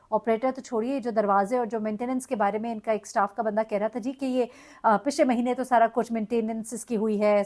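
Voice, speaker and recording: A woman's voice: medium pitch, darkish tone. A woman, reporting and commenting on a tragic local incident in an earnest, grieving way with many hesitations. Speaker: news vlogger. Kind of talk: emotional news commentary.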